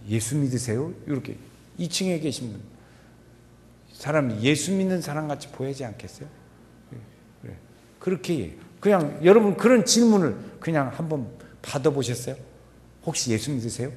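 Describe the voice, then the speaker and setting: A man preaches to his congregation in a church with a long reverb behind him. His voice climbs and falls a great deal as he throws questions at the pews. He turns from loud urging to low, quiet remarks. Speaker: pastor. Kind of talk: sermon. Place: church sanctuary.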